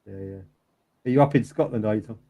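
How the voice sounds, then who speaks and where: A man's voice: on the low side, quick pace, warm tone. A man co-hosting a live tennis watchalong, reacting to the play in casual chat. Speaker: watchalong co-host.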